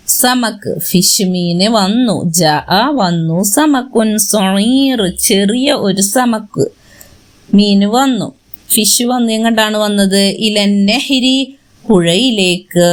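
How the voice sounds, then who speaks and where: Slow, patient woman teacher. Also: mid-range voice. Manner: slow, patient explaining, mixing English words into the lesson. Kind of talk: online class lesson, explaining a story line by line.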